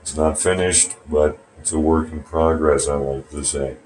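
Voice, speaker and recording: A man's voice: very deep voice, steady tone, normal speed, a little mellow, slight background noise. A man talking to his phone camera from a small bathroom, rambling, swearing, and turning sarcastic. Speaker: vlogger. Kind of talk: rambling casual monologue to camera. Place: small warm bathroom at home.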